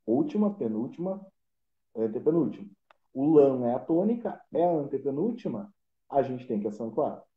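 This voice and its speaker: A man, a Portuguese teacher patiently explaining grammar rules step by step with examples in a casual lesson. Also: a little high. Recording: roomy, dull lo-fi live stream audio.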